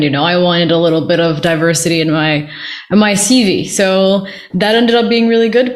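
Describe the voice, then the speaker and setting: Conversational woman from Ethiopia, lowish voice. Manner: relaxed, conversational, with fillers. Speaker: podcast guest, career coach. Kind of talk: casual interview conversation.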